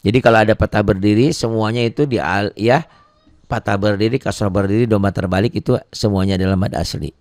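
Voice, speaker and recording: A man teaching beginners Quran recitation rules, patiently repeating points, asking and answering his own questions, and chanting phrases slowly between plain explanations. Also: lowish voice, a little mellow, no echo, studio quality. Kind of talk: beginner tajwid lesson.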